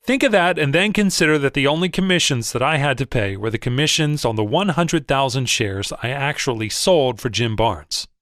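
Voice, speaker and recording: A man reading a first-person story aloud as an audiobook narrator, in a measured, expressive manner. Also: mid-range voice, dry recording, studio quality. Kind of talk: scripted narration.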